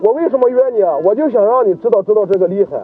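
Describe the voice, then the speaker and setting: A man's voice: high-pitched, expressive, racing, phone-quality sound. A man hosting a prank video outdoors at the seaside at night, teasing and stammering with many repeats. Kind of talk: casual prank talk. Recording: loud music over the voice.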